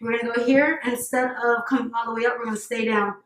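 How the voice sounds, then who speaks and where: A woman's voice: a little high, steady tone, fast, fairly bright tone, slight background noise. Upbeat woman coaching a workout. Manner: upbeat, laughs often while coaching. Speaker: fitness trainer guest. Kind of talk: casual workout demo chat. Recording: echoey room.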